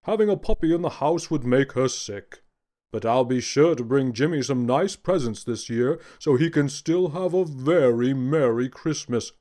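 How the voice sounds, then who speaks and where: Guy doing an old santa for a kids audiobook, jolly but stern, talks all measured and kindly. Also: medium pitch, animated, dark tone, lightly acted. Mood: jolly, apologetic. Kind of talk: children's audiobook character voice.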